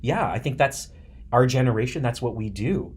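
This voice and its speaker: A man's voice: medium pitch, lively intonation, moderate pace, crowd noise. A man hosting a casual podcast interview, enthusiastic and chatty, with lots of "like" and restarts. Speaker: podcast host, teacher.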